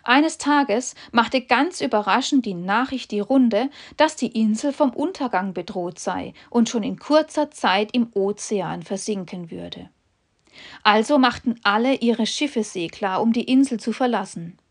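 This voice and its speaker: Slow, measured woman reading a fable. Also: a little high, lively intonation. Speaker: narrator. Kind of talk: storybook narration.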